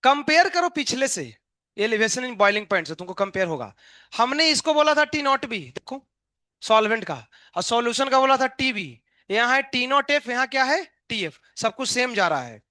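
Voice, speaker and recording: A man's voice: extremely high pitch, very animated, normal speed, sharp tone, no room sound, studio quality. A male chemistry teacher, giving a live online lecture in a playful, joking way and asking students questions that he answers himself.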